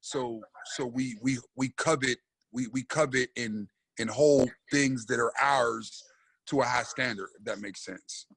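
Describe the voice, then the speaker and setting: Guy on a call from his house, talks in stops and starts, keeps repeating himself, even pitch. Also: slightly rough, no echo, low-quality recording. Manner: halting, repeats words often. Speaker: panelist. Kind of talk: casual panel discussion. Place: at home on backup generator power.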